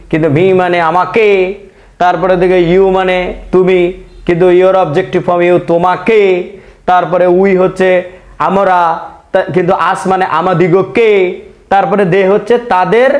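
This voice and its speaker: A man teaching spoken English in Bengali, coaxing his viewers with repeated questions. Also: sits high. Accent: Bangladeshi Bengali.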